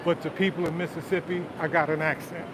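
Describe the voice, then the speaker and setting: A man from Detroit, Michigan, with a Southern US accent, hosts a phone livestream while walking along busy city streets, chatting casually with viewers. His voice sits on the high side at a quick pace; relaxed and talkative, he answers comments and often says "man." Street noise from traffic and crowds comes through the handheld phone.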